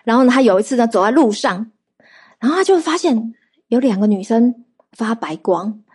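Lively woman preacher telling testimonies. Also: on the high side, moderate pace, slightly rough. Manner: lively storytelling with rhetorical questions to the audience. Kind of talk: sermon.

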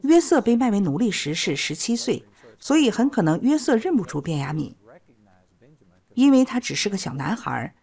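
A woman's voice: medium pitch, sing-song, moderate pace, darkish tone, husky. A woman teaching a Bible story, retelling the scripture in plain storytelling.

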